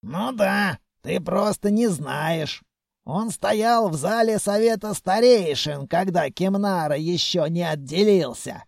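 A drawling old mummy grandfather, sly and in no hurry, as a man voices him in an audiobook. Mellow, darkish tone with a lively lilt. Dry, close recording. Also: high-pitched, slow, gravelly, dry recording, exaggerated voice. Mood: easygoing.

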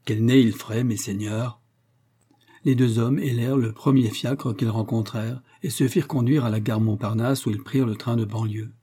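A man narrating a novel as an audiobook, steady and measured. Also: mid-range voice, slightly rough. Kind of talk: novel reading.

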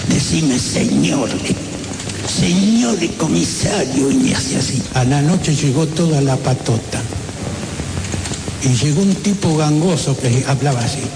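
A man giving emotional first-person testimony, halting and repeating words, acting out shouts and gunshots. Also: mid-range voice, music in the background. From Argentina. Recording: echoey room with loud noise.

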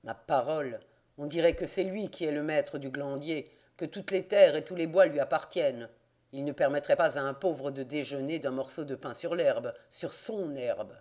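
A man reading an audiobook, voicing a gruff, hostile male innkeeper in the countryside who growls his words in rustic speech. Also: a little high, normal speed, a little mellow, close to an everyday voice. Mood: grumbling.

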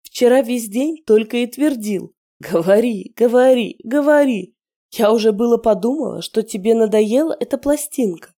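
A woman's voice: moderate pace, few pauses, dark tone. A woman playing a sneering spiteful werewolf matriarch. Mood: mocking. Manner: sneering, taunting, shrill when pressed. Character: scheming middle-aged female werewolf, spiteful and mocking.

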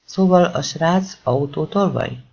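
A man's voice: a little high, vocal fry, darkish tone, husky, muffled recording, voice pushed up. A man voicing a harried, middle-aged male police chief with a dry, sarcastic way of talking in an audiobook. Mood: sardonic.

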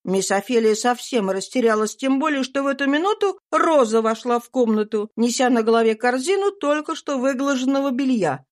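A woman reading a classic novel aloud in even, measured storytelling. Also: high-pitched. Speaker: audiobook reader. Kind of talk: scripted narration of a classic novel.

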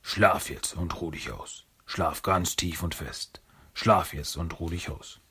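A man's voice: low-pitched, steady tone, takes it slowly, bright, forceful tone, slightly rough, heavily acted. A man voicing a curt, boastful male villain mastermind in a storybook reading. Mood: soothing. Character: scheming, ill-tempered male villain mastermind.

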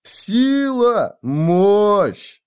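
A man voicing a rowdy, boastful drunken friend who slurs his words loudly in an audiobook. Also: sits high, big pitch swings, extremely slow, clean tone, pitched above the performer's own voice, full character voice. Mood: drunk exuberant. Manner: loud, slurring, boisterous. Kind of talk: audiobook character voice.

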